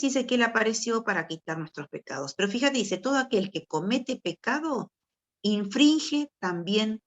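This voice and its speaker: A woman's voice: on the low side, fairly bright tone. A woman with a Rioplatense Spanish accent, teaching a youth group from the Bible in a chatty way, often asking her listeners questions and acting out people's excuses. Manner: conversational, asks listeners questions, acts out excuses.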